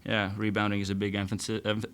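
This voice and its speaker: A young college basketball player answering postgame questions casually, sometimes searching for words and restarting. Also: male voice, on the low side, completely flat delivery, fast talker, a bit bright, smooth. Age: young adult. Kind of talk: postgame press conference answers.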